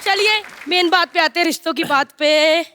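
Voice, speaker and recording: A very high-pitched, brash matchmaker woman speaks Punjabi-accented Hindi. She teases and flirts playfully as in a stage comedy sketch, over a loud, noisy studio audience. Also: moderate pace, over a noisy crowd. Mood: flirty, teasing. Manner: playful, teasing, punctuated with exclamations.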